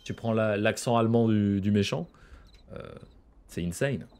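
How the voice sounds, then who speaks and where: Joking French gaming streamer. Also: male voice, lowish voice, moderate pace, darkish tone, clean tone. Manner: casual, joking, slangy, chatty asides. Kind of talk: let's play commentary.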